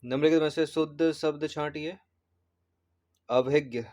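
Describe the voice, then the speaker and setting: A man's voice: fairly high pitch, fairly even intonation, a little slow, darkish tone. A man, an exam prep teacher who goes through test answers and patiently repeats and corrects spellings.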